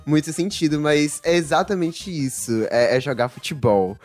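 A man from Salvador speaks with a Bahian accent, running a playful quiz with friends. His voice sits fairly high for a man, and he laughs easily between questions. Soft music plays faintly behind him. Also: animated, normal speed. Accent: Bahian Portuguese. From Salvador, Bahia, Brazil. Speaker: quiz host. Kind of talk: casual game chat.

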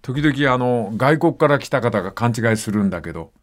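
An older man hosting a casual radio talk segment, reading listener letters and acting out dialect phrases with animated storytelling. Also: mid-range voice, a little fast.

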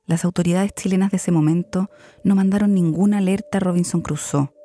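A woman hosting a podcast, delivering measured, scripted narration and interview questions. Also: lowish voice, fairly even intonation, mellow.

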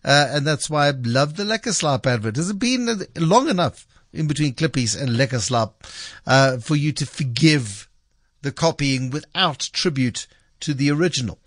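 Animated male radio host. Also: a little high, normal speed, no room sound, studio quality. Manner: emphatic, repeats phrases for effect. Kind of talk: conversational radio commentary.

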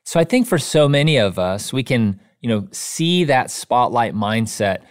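A man's voice: mid-range voice, very animated, moderate pace. Man, interview guest, author, earnest, storytelling, conversational. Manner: earnest, storytelling, many "you know" fillers. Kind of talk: casual interview chat.

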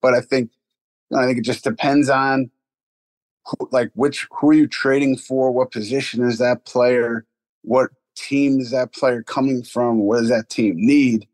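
A man in casual sports talk who reports in a measured way on what his sources say. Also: medium pitch, fairly even intonation, darkish tone, no echo, poor audio.

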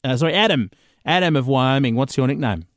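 A man's voice: medium pitch, lively intonation, fairly quick, no echo, studio quality. An Australian man hosting casual, joking talk radio and chatting with callers. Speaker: radio host. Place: dry radio studio.

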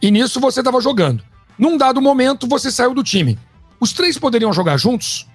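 A man's voice: very high voice, lively intonation, brisk, slightly rough, no echo, soft background music. A Brazilian man working as a sports interviewer, talking casually with his guest. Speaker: sports interviewer and match narrator.

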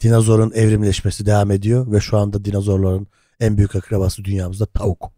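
A man co-hosting a podcast, riffing jokes in quick casual banter. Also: on the low side, monotone, mellow, no echo, studio quality. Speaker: podcast co-host. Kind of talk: casual comedic chat.

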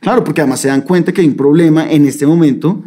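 A man's voice: fairly high pitch, fast, dark tone. A man with a Colombian accent, a podcast co-host in casual chat, playful and teasing. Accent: Colombian Spanish.

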